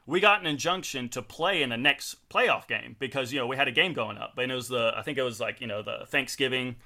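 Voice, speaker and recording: A young man hosting a casual quiz game with friends, telling stories in an animated, laughing way. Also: medium pitch, a little fast, vocal fry. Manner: storytelling, animated, laughs often. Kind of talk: casual chat.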